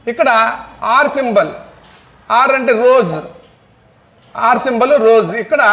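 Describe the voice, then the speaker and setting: A man's voice: very high voice, a bit bright, reverberant. A man teaching an English phonetics lesson, patiently drilling sounds one by one and repeating them for his students.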